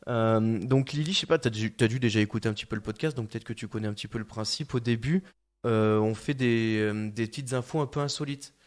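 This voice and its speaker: A man's voice: lowish voice, fast talker. A man hosting a casual podcast chat in a radio studio, joking, laughing often and trailing off with fillers. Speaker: podcast host.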